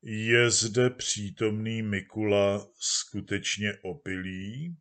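A man voicing a smooth-talking male party orator with a pleasant baritone, making a slow, rhetorical speech in a storybook reading. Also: steady tone, fairly bright tone, close to an everyday voice. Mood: genial.

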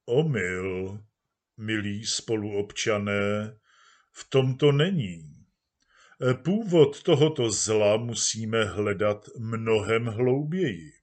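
A man voicing a smooth-talking male party orator with a pleasant baritone, making a slow, rhetorical speech in a storybook reading. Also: animated, lightly acted. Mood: genial.

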